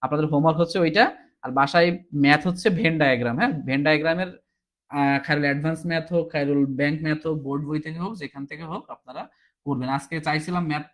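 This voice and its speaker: Tired guy teaching an online exam class, talks quick, keeps checking in. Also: a little high, steady tone, fairly bright tone. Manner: explanatory, checks in with "ঠিক আছে?" often. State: tired, low on energy.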